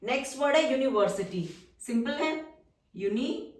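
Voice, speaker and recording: Female shorthand tutor, slightly high voice, patient, stretches out key words, roomy sound from off-mic. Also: animated, distant mic, soft background music. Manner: slow, drawn-out model words between quick explanations. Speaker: shorthand teacher. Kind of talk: step-by-step lesson. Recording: echoey room, voice from off-mic.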